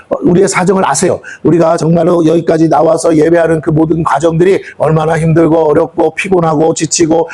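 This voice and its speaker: Male pastor, middle-aged, quick emphatic sermon delivery, voice sits a bit high. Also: darkish tone. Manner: emphatic, conversational preaching with rising exhortations. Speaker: senior pastor.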